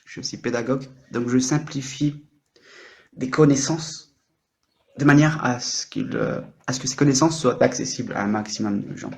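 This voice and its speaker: A man's voice: medium pitch, moderate pace, creaky, a little mellow. A man in his late thirties from France with a French accent, talking very freely on an improvised live stream, rambling, jumping between topics and teasing himself and his viewers. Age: late 30s. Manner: teasing and self-mocking. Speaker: livestreamer. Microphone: own microphone.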